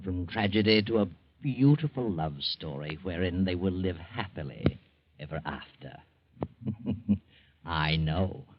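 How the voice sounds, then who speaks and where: An actor playing a mysterious, mocking narrator of crime tales in a theatrical 1940s radio mystery style. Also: male voice, sits low, expressive, slight background noise. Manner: sinister, theatrical, slow and taunting. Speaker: narrator and host. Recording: muffled 1940s radio recording, music behind.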